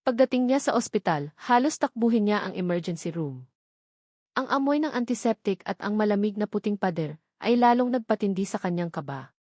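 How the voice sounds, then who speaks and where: A woman with a Filipino accent narrates a scripted story in a dramatic audiobook style. Her voice is medium-pitched with a darkish tone, recorded dry in a clean studio.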